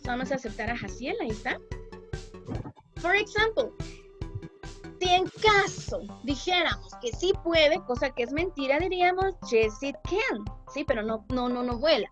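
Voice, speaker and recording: A bilingual schoolteacher leads an online class for young children with a high, bright voice and a patient, gentle way of explaining. Children's music plays clearly in the background of the call. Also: female voice. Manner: patient, switches between English and Spanish, calls pupils "mi amor". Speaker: primary school English teacher. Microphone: video call.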